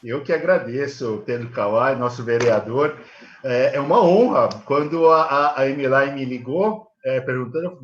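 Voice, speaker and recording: Hesitant man on an echoey call. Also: medium pitch. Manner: hesitant, many fillers, earnest. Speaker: guest, elder care manager. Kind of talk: live video call interview. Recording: echoey, dull video call audio.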